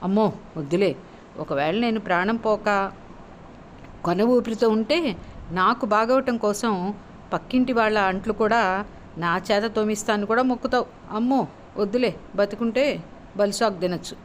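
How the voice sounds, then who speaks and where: A woman's voice: medium pitch, moderate pace, pauses often, a little hiss or hum, lightly acted. A woman voicing a sweet-talking, teasing young wife in a spoken story, her tone sugary and mock-pleading. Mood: coaxing, pleading.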